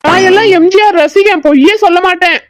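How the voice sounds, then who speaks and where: A woman voicing a grumpy old village grandfather in a cartoon, with a southern Tamil Nadu accent, gruffly scolding and teasing his family. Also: very high-pitched, fast talker, heavy background noise. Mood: grumbling. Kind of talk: cartoon voice acting.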